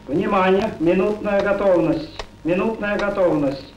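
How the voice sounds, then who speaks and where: A man as a launch controller calling terse countdown commands, heard as crackling archival radio through a distant loudspeaker. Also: high voice, unhurried. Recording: dull, echoey, distant archival radio with faint hiss.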